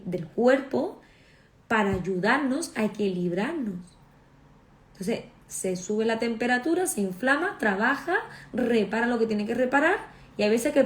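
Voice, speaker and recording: A woman therapist speaking conversationally about natural health, animated and acting out the voices of her patients. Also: on the high side, reverberant. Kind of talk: casual conversational talk.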